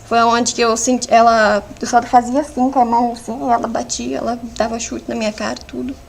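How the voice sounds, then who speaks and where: A woman with a Brazilian accent giving courtroom testimony as a defendant, in a halting, fragmented way full of restarts. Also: a little high, flat delivery, gravelly, slight background noise. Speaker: defendant under questioning. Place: courtroom hearing.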